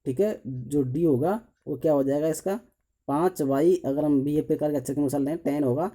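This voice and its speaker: A man's voice: on the high side, normal speed, warm tone. A man teaching an engineering drawing lesson step by step. He counts lines aloud as he draws, says 'okay' after nearly every step, and asks himself questions before answering them. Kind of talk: step-by-step tutorial while drawing.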